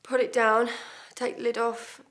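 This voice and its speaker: A woman's voice: on the high side, little pitch movement, a little slow, fairly bright tone. Woman playing a blunt, defiant woman. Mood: cold defiant. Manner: blunt, swearing, hesitant fillers. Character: blunt defiant woman confessing under questioning. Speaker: actor. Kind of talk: self-tape monologue.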